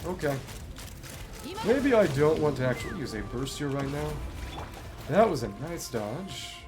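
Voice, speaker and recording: Against a backdrop of game music, this male streamer muses wryly and in an understated way as he plays live. His voice is on the high side and very animated, yet he speaks unhurriedly.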